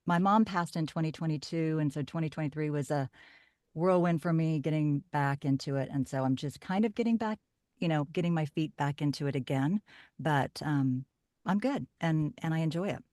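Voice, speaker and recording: A middle-aged woman from Oklahoma, a voiceover artist telling her story in a casual podcast chat, lively with animated asides. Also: low-pitched, moderate pace, dry recording, studio quality.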